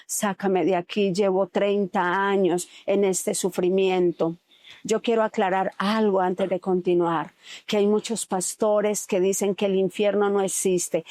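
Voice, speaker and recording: A woman's voice: mid-range voice, a little mellow, no echo. A woman giving an earnest religious testimony, preaching with frequent hesitant fillers between phrases. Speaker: testimony speaker.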